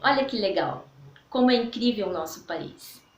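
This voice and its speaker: A Brazilian woman teacher giving a recorded class in Brazilian Portuguese, talking in a slow, didactic way and often checking in with her listeners. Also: medium pitch, lively intonation, echoey room, lo-fi sound, slight background noise.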